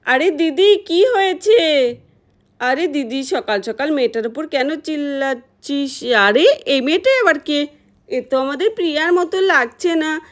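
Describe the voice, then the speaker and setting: A woman's voice: high voice, lively intonation, a little slow. A woman voicing a nosy, chatty aunt in a doll story, full of exclamations. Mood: fussing. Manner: exclaiming, gossipy.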